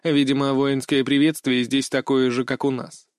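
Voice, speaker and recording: A man's voice: medium pitch, level tone, normal speed, no echo. Man narrating an audiobook, dry close sound.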